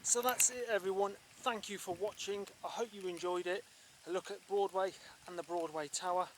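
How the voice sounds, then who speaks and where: A man's voice: high voice, fairly even intonation, normal speed, background noise. A man chatting as he walks a muddy misty countryside route, grumbling about the weather. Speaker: travel vlogger. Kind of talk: walking tour commentary. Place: outdoors on muddy fields in mist.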